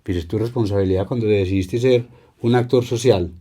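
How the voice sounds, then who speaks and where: A middle-aged man, a palliative care doctor talking reflectively as a podcast guest, with deliberate, slow, emphatic phrasing. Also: on the low side, dark tone. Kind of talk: reflective conversation and storytelling.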